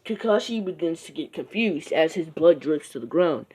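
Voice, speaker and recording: Casual fan storyteller, rambling, filler-heavy, mellow dark tone, mid pitch. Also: lively intonation, moderate pace, slightly rough. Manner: rambling, with frequent fillers and restarts.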